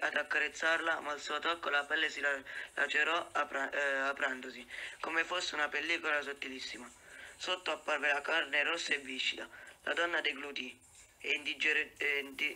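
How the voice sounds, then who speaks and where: A man reading a horror story aloud as a student reader, steady with occasional stumbles. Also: fairly high pitch, poor audio.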